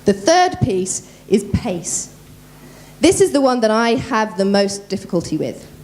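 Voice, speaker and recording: A woman voice coach giving a lively workshop at a conference, talking quickly and quizzing the audience. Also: medium pitch, slight background noise. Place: conference room.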